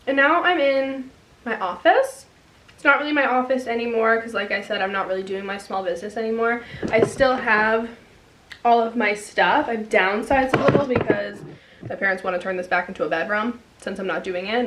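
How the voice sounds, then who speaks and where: A woman's voice: a little high, brisk, fairly bright tone, slight background noise. Chatty young woman vlogging her day. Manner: chatty, says "like" a lot. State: out of breath. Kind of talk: casual vlog chat.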